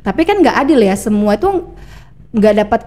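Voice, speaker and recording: A woman's voice: medium pitch, animated, a little fast, warm tone. A woman from Indonesia who is a former radio announcer, talking as a podcast guest in a chatty, explanatory way, teaching through examples. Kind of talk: casual podcast interview.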